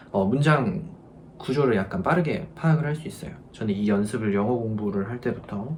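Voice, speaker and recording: Teaching grammar online, a patient man with a fairly low, slightly mellow voice explains carefully and repeats verb forms slowly as drills. A little hiss or hum sits in the background.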